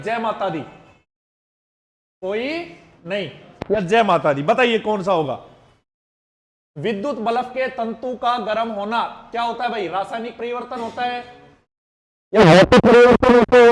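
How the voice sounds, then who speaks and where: High-pitched man quizzing his class. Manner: quizzes students with repeated questions, calls them beta; jokey wordplay mnemonics. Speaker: teacher. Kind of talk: live online exam-prep class.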